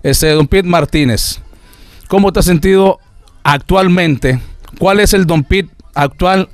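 Man, radio announcer, chatty, lots of fillers, slightly high voice. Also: slow pace, no echo. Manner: chatty, uses many fillers. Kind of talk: casual chat.

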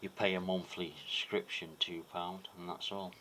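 A man's voice: low-pitched, little pitch movement, moderate pace, pushed and bright. A man chatting casually and hesitantly to viewers as a paranormal vlogger, murmuring and repeating himself, on a noisy home recording in a small room.

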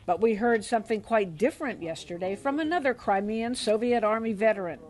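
Measured woman news correspondent, higher voice. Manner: measured, even reporting. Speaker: foreign affairs correspondent. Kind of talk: scripted news narration.

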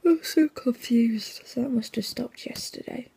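Hoarse, half-whispering young woman. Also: a little high, unhurried, dark tone. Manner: rambling, chatty, with many fillers. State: hoarse, voice nearly gone; sleepy, yawning. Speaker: vlogger. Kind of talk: casual vlog chat.

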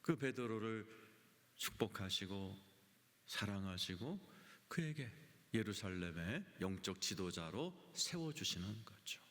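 A male senior pastor preaching a sermon with lively delivery, acting out quoted voices and dropping to soft whispers for emphasis. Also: fairly low pitch, a little slow. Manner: animated preaching, acts out quotes, drops to whispers. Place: large church sanctuary. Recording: church hall reverb.

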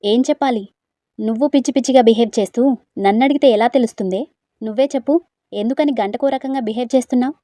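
Lady reading as a snappy annoyed young guy, dark dry voice, storybook. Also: a little high, fast, no echo, lightly acted. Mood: irritated. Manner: scolding, curt. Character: young man, brusque, irritable cousin.

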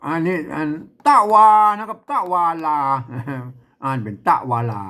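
A male teacher explains old verse in an easygoing, conversational way. He sings out lines of the poem between his explanations and laughs often as he goes. His pitch swings widely and keeps the delivery animated. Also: unhurried.

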